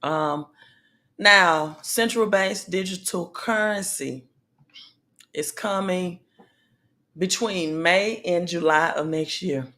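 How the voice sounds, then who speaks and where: Hosting a laid-back money news livestream, a woman talks to her viewers directly in a halting way full of pauses and fillers. Her voice is lowish, slightly raspy, and sharp in tone.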